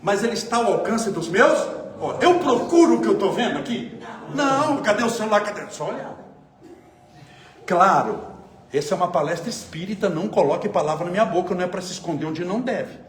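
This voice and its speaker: A man from São giving a spiritist lecture, telling everyday stories and asking his audience rhetorical questions in a conversational, lively way. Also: sits high, a little fast. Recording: echoey room, faint ambient noise.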